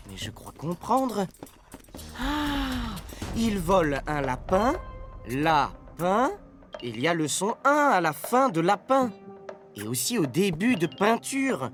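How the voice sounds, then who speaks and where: A theatrical cartoon painter. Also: male voice, exaggerated voice. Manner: theatrical, exclaiming, big pitch leaps. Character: excitable male cartoon painter, theatrical and fussy. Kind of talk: cartoon narration. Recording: voice over loud music.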